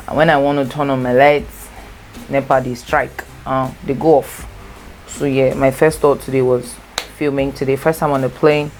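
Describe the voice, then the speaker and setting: A young Nigerian woman whose first language is Igbo, speaking with an accent, chats casually as a vlogger at home in natural light. Her voice sits low with a darkish tone, and she rambles through a storytime tag, correcting herself along the way.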